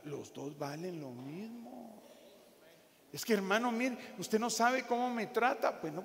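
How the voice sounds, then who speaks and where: A man's voice: fairly high pitch, a little hiss or hum. A man preaching a sermon with a Guatemalan Spanish accent, joking and acting out little scenes as he talks. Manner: jokey, animated preaching with acted asides. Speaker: pastor. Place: church hall. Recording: echoey hall with faint ambience.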